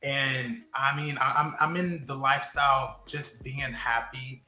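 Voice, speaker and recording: Man from Buffalo, guest, bubbly, forceful bright tone, echoey room, faint music. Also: medium pitch, steady tone, unhurried. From Buffalo, New York. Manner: bubbly, emotional, laughing often. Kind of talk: casual chat.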